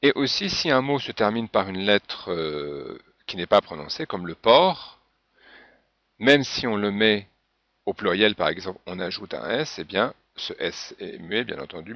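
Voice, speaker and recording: A man's voice: fairly low pitch, lively intonation, a little slow, dry recording. A man teaching a French pronunciation lesson, patiently spelling out example words one by one. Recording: dull, dry lo-fi recording.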